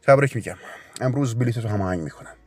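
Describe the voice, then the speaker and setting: A man voicing a weary, gentle middle-aged father who is poor, speaking quietly and in a measured way. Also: mid-range voice, animated, no echo, soft background music, natural voice. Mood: resigned.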